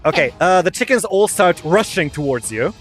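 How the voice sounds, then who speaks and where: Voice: medium pitch, animated, moderate pace, loud music behind the voice. A game master running a tabletop game on a live stream, chatty and often breaking into laughter.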